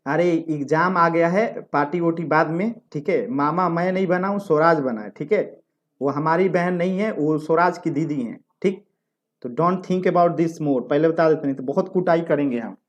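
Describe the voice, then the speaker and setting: A man's voice: on the high side, normal speed. A male teacher giving a live exam-prep lecture. He is chatty, repeats his points, asks the class rhetorical questions and banters with students between explanations.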